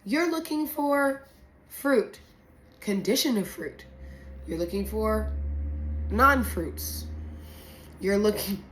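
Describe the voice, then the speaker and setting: A woman's voice: medium pitch, lively intonation, slow pace, pauses often. A woman talking casually as a sommelier explaining a tasting, with a playful, slangy, sweary manner. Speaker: sommelier presenting a blind wine tasting. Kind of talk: casual explanatory chat to camera. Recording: roomy echo, faint background noise.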